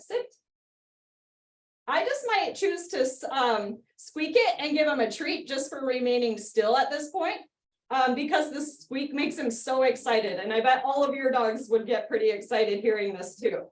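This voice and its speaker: A young woman, a dog trainer, explaining stay exercises in a chatty way with frequent giggles, on a video call. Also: high voice. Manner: chatty, giggly, gives short cues to a dog. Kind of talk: live online training demo.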